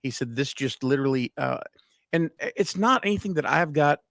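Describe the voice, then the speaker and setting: A man's voice: fairly high pitch, expressive, brisk, gravelly, a bit bright, no echo, studio quality. A man in casual podcast chat, telling stories with many fillers and restarts. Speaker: guest.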